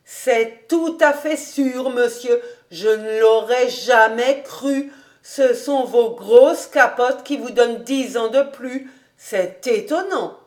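A woman's voice: on the high side, takes it slowly, a little mellow, pitched above the performer's own voice. A woman voicing an old, talkative female housekeeper, eager and coaxing, in an audiobook reading. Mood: admiring.

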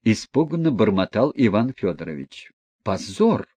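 A man reading a classic novel aloud as narrator, measured and expressive. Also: medium pitch, no echo. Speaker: audiobook narrator.

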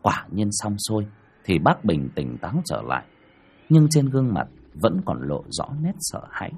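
Expressive husky male ghost-story narrator. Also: sits low, normal speed. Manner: vivid, expressive. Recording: soft music behind.

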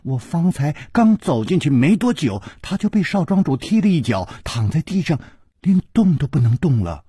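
A man's voice: fairly high pitch, big pitch swings, normal speed, slightly rough, no room sound, studio quality, full character voice. A man playing a sly, teasing boy servant. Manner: teasing, smug, soft sneering asides.

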